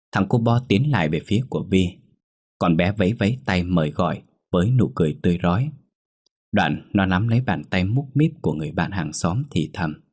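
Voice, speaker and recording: Deep husky male horror storyteller. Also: darkish tone. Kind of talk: scripted horror story narration.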